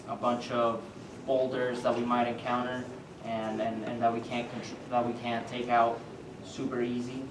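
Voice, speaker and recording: Hesitant young man presenting, echoey distant. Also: medium pitch. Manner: hesitant, many filler sounds and restarts. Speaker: student team presenter. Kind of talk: rehearsed team presentation. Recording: echoey room, distant mic, noisy.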